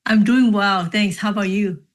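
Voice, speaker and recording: A woman's voice: medium pitch, steady tone, normal speed. A middle-aged woman from Cambodia, a book author, recalling her childhood in a reflective, casual interview with many fillers. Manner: reflective, storytelling with frequent fillers. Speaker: author and podcast guest.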